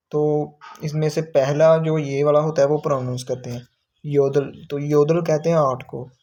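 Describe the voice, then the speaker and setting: A Korean language teacher, a man with a fairly high, darkish voice, teaches from a textbook. He reads each word aloud, repeats it slowly, and then explains what it means.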